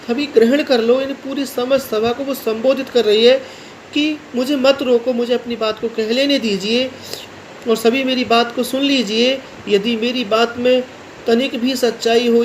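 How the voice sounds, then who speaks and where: A woman teacher talks through a poem line by line in a recorded lesson. Her voice sits a little high, and she repeats each point in simpler words. A faint hum of room ambience stays under her voice. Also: poor audio. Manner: slow, repetitive paraphrasing of each verse in plain words. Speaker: college teacher. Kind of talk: lecture explaining a poem line by line.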